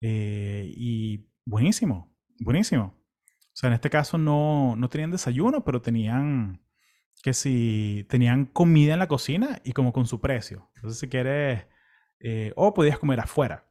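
A man's voice: medium pitch, normal speed. A young Venezuelan man tells travel stories in a loose, conversational Spanish. His voice sits in an ordinary middle register. He talks easily, circling back on his words with fillers and restarts. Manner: relaxed, chatty, many fillers and restarts. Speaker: pilgrim recounting a walk. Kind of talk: casual travel storytelling.

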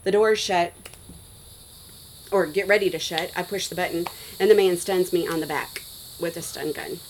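A woman in her forties, a schoolteacher, telling a personal story in a casual interview, animated and full of "like" and "you know.". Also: lowish voice, normal speed, a little hiss or hum, low-quality recording. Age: 40s. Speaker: guest, schoolteacher.

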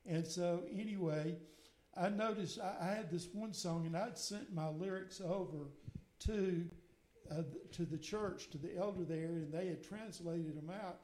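A man's voice: high-pitched, a little slow, a little mellow, echoey room. An older man from Mississippi, a radio guest telling a long personal story in a meandering way, linking it with "and so anyway". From Mississippi, USA. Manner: meandering, strings clauses with "and so anyway".

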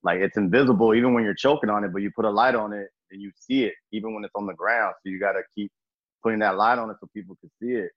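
A man's voice: on the low side, fast talker. A man co-hosting a talk show with casual banter, in dull, lo-fi sound. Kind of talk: casual chat.

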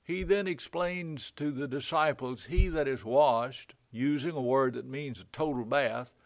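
A man, a pastor, giving a short devotional sermon in a calm, measured storytelling voice. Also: mid-range voice.

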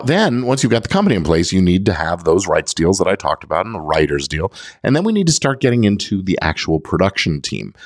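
In studio-quality audio with no echo, a deep-voiced man hosts a podcast offering legal guidance. He explains things in a methodical, conversational monologue.

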